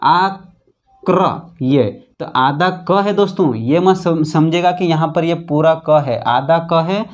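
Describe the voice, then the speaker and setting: A man's voice: on the high side, a little mellow. A man teaching a grammar lesson who keeps asking the class questions and then answering them himself, stretching out single letters and syllables as he spells. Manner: repeats questions to students, calls them friends; slow, drawn-out syllables when spelling letters.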